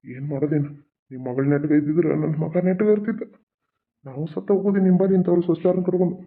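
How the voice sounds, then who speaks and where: Rapid accusing man. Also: a little high, fairly even intonation. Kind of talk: dialect cartoon voice acting. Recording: tinny phone-like recording.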